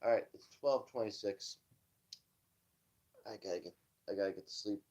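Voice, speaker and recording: A tired livestream host yawns as he casually reads news stories aloud, stumbling over words and tossing off dismissive asides. His voice is fairly low, a little mellow, and at a normal speed.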